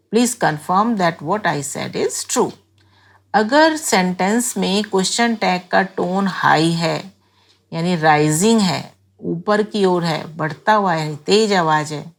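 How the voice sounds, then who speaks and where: A woman teaching an English grammar lesson, explaining slowly and carefully and repeating each example. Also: fairly low pitch.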